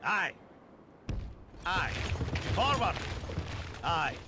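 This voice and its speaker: A man's voice: high-pitched, very animated, very slow, sharp tone, slight background noise, full character voice. An actor playing a loyal medieval soldier in a strategy game, answering his king with short dutiful replies.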